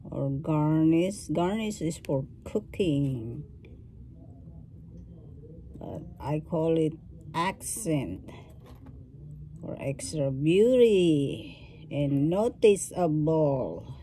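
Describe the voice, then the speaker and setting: Woman host of a craft tutorial, low mellow voice, very slow unhurried delivery, faint noise behind. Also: lively intonation. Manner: slow, thinking aloud while working with her hands.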